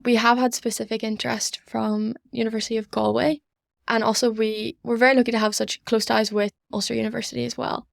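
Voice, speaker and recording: This is a young adult woman, a student society organiser, chatting earnestly through conversational answers as a podcast guest. She speaks a little fast in a level, creaky, higher voice, recorded cleanly in a studio without echo.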